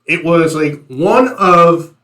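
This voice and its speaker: A man with a slightly high voice talks casually in a roomy, echoing space. He tells anecdotes conversationally, as one panelist in a group discussion. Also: lively intonation, takes it slowly, bright, forceful tone. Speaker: podcast panelist on policing. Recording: roomy, echoey room.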